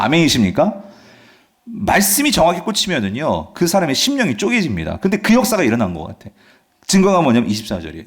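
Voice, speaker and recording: A male pastor preaching a sermon, asking his congregation questions and answering them himself, reading scripture loudly and dropping to soft asides. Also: a little high. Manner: swings between loud emphatic scripture reading and soft asides. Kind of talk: Friday revival-service sermon.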